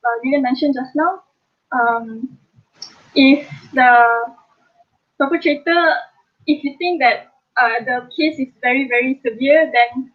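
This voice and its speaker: A woman panelist speaking on an online forum over a video call, halting with many fillers and restarts. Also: sits high. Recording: tinny phone-like call audio.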